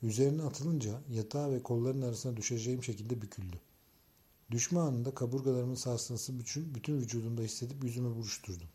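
A man reading a novel aloud in scripted first-person narration, with an even, measured delivery. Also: medium pitch. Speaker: audiobook narrator.

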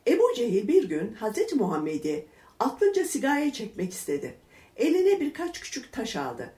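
A woman reading a religious story aloud in a measured, expressive way, voicing the lines of its characters. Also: on the high side. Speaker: reader. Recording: echoey room.

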